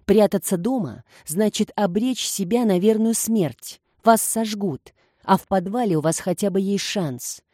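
A woman's voice: medium pitch, a little slow, dark tone, no echo, studio quality, lightly acted. A woman voicing a resolute young woman who gives firm, urgent orders. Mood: commanding.

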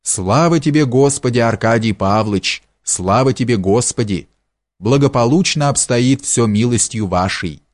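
A man's voice: mid-range voice, unhurried, no echo, studio quality, close to an everyday voice. A man voicing a tipsy, fawning old male village steward who gushes in a sing-song way. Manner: sing-song, gushing, servile.

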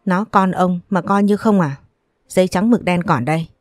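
A brash thug from a storybook, barking threats at an old man's door, as a woman reads him out. His words come quick and hard, and the voice stays fairly low. The sound is dry and close. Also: dry recording, faint music behind, close to an everyday voice. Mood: threatening. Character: menacing male debt-collector thug.

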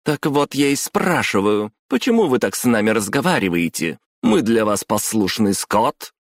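A man's voice: deep voice, very animated, moderate pace, no room sound, studio quality, pitched above the performer's own voice. A man reading a story, voicing a defiant young female office worker who talks sharply and venomously with a raised voice. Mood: slow menacing.

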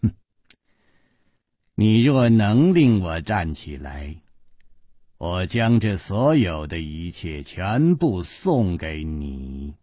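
A man's voice: very animated, slow pace, pauses often, warm tone, dry recording, clean studio sound, heavily acted. A man voicing a proud but crippled wealthy man who speaks with weary, bitter restraint. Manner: low, subdued, bitter wry tone.

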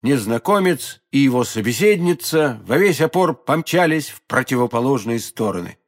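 A man narrating a classic novel as an audiobook, expressive and theatrical. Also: medium pitch, moderate pace. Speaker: audiobook reader.

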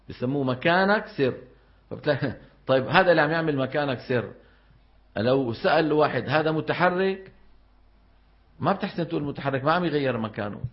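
A man's voice: mid-range voice, fast talker. Man teaching a class. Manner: explains step by step, keeps asking the class questions. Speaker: teacher of Quran recitation. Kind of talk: classroom lecture. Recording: dull lo-fi recording.

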